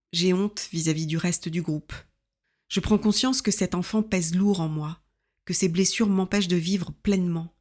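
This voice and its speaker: Soft-spoken woman in her fifties reading memoir. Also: lowish voice. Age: 50s. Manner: intimate, reflective, measured. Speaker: author reading her own book.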